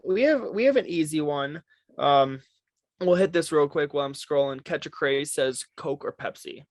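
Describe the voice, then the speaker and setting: A man's voice: on the high side, animated, normal speed, no echo. Male podcast co-host, easygoing game-night vibe, dry close-mic sound. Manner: easygoing, chuckling, runs the segment. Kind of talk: casual chat.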